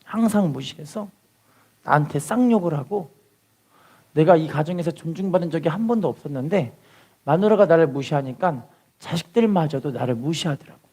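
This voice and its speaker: High-voiced man preaching a sermon. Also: moderate pace, breathy edge. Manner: lively preaching, often calls out hallelujah; asks the congregation rhetorical questions.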